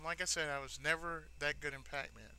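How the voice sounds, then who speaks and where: Brisk and steady in tone, a man with a slightly high voice hosts a gaming video. His let's-play chatter is relaxed and sentimental, meandering and full of repeated phrases. Arcade-style video game audio runs beneath him in a noisy recording.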